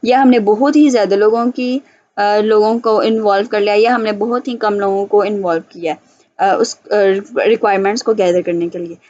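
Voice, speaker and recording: A woman teaching from handout notes, reading English lines slowly and then explaining them in a chatty way with many fillers. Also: mid-range voice, steady tone, dark tone. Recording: slightly dull lo-fi audio.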